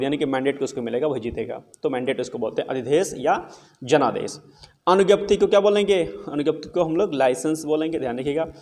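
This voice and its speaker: A man's voice: fairly high pitch, darkish tone. A young man teaching exam vocabulary to students, casually asking questions and answering them himself, encouraging them.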